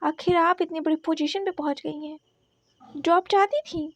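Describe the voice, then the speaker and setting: A woman voicing pushy news reporters who fire rapid, insistent questions in a read-aloud story. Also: very high-pitched, fairly even intonation, dry recording.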